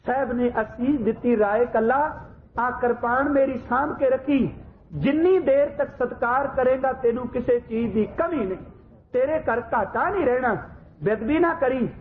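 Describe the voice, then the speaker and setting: A man telling a storytelling sermon as a preacher. He speaks straight to his listeners and slows down to chant lines of scripture. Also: very high voice. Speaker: Sikh religious preacher. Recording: tinny phone-like sound with faint noise.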